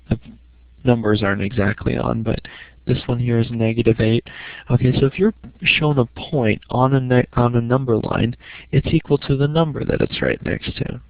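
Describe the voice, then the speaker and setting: Teaching math informally from a small room in his home, a middle-aged man walks through the steps and keeps asking "okay" to confirm he's being followed. He has a gravelly, mid-range voice, caught on a dry, dull lo-fi recording.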